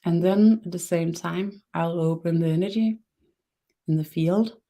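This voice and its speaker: In this live-streamed webinar, a fairly low-pitched woman from Denmark leads a guided body meditation; she is the host and an energy worker. Her mellow delivery is slow and measured, broken by fillers and restarts, and her instructions are gentle and guiding.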